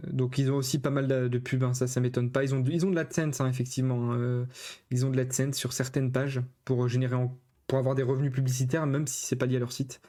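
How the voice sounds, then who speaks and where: A man's voice: medium pitch, flat delivery, quick pace, warm tone. A man from France casually commenting on his screen as a web developer, thinking aloud with many hesitations.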